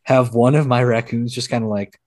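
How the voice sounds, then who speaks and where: A man's voice: medium pitch, steady tone, fairly quick, darkish tone. A man playing a tabletop game, thinking aloud and hesitating as he talks. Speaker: player. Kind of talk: casual tabletop play.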